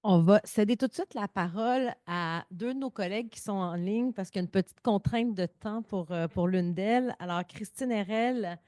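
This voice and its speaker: A woman's voice: medium pitch, normal speed, hardly any pauses, mellow, no room sound, clean studio sound. A woman chairing a conference session, introducing speakers with frequent hesitations. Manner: hesitant, fillers between names.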